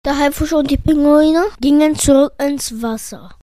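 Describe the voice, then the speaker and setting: A woman's voice: high-pitched, moderate pace, warm tone, no room sound. A woman reading a scripted children's story as narrator.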